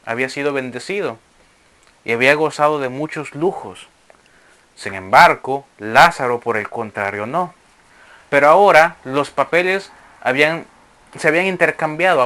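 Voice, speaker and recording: A man delivers a sermon-style Bible lesson in a bright, forceful voice. He reads passages aloud, then breaks off to explain them and put questions to his listeners. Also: mid-range voice. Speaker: Bible teacher. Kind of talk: sermon teaching.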